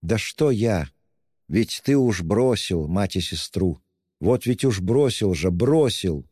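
A man's voice: lowish voice, expressive, slow pace, dark tone, husky, dry recording, clean studio sound, big-room sound, exaggerated voice. A man reading an audiobook, voicing a fervent, pleading young woman who speaks in exclamations. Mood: anguished.

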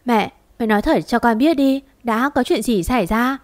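A woman's voice: on the high side, moderate pace, close to an everyday voice. A woman voicing an anguished grown daughter who presses her mother with urgent, reproachful questions, in an audio story.

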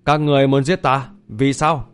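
A man voicing a calm, confident young hero who speaks tersely. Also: medium pitch, moderate pace, clean tone, faint music behind, natural voice. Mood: puzzled.

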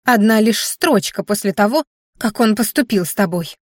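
A woman's voice: medium pitch, animated, normal speed, no room sound, studio quality, close to an everyday voice. A woman voicing a small furry hoofed female creature who is a fussy, weepy governess, scolding and doting with sweet pet names, in a storybook reading. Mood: suspicious.

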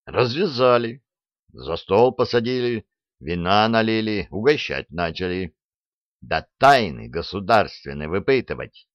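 A man's voice: on the low side, animated, unhurried, no echo, lo-fi sound. Sly double agent Butler, read by a man. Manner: sly, boastful storytelling. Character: cunning sly male double agent sergeant.

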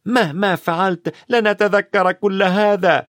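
An eager boy wizard explains things in a quick, lively voice, played by a male reader. The pitch sits raised and moves a lot. The recording is dry and close. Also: no room sound, lightly acted.

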